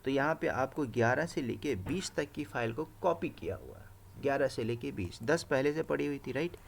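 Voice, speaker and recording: Typing through a live screen-share coding class, this command-line instructor explains every step and keeps checking in with "right?" and "okay." He speaks at a moderate pace in a mid-range voice with lively intonation and vocal fry, over a little hiss or hum.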